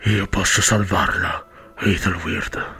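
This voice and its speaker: A man voicing a mysterious blindfolded male elf in an audiobook, speaking calmly and insistently. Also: sits low, full character voice. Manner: calm, measured, quietly insistent. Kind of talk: audiobook character reading.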